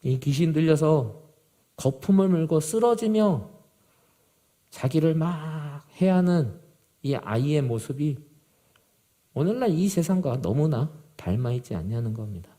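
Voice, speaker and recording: Male pastor giving a sermon, fairly high voice, mellow, gets loud then goes real quiet. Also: expressive, unhurried, long pauses. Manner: emphatic, rising to loud urgency then dropping low and quiet.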